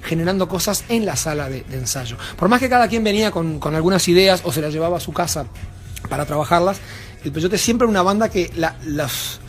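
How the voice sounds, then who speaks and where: This band member, a Uruguayan man speaking with his native Spanish accent, rambles through a relaxed backstage interview at a music venue, full of fillers and false starts. His voice is a little high and expressive, and his pace is fairly quick.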